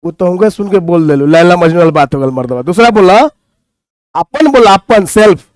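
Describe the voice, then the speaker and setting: High-voiced Bhojpuri-accented male teacher. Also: animated, brisk, dry recording. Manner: playful, teasing students, reciting verse. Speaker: English teacher. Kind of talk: classroom teaching with poetry and banter. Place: classroom.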